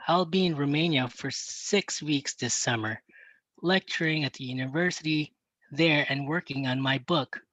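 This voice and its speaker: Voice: medium pitch, normal speed, a bit bright, no echo, lightly acted. A reader voicing an absent-minded older father, a math professor who speaks in short, formal, clipped packets.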